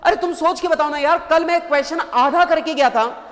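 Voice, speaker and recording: A man's voice: very high-pitched, moderate pace. Joking male teacher in an echoey hall. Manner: lively, joking, keeps asking the class to answer. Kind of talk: classroom lecture.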